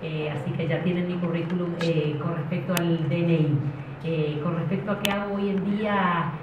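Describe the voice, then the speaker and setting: A woman's voice: lowish voice, steady tone, moderate pace, background noise. Hesitant woman from Paraguay, echoey hall. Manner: hesitant, self-deprecating. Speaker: panelist, educator. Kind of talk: panel talk. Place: community center hall. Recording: echoey hall, far mic, dull sound.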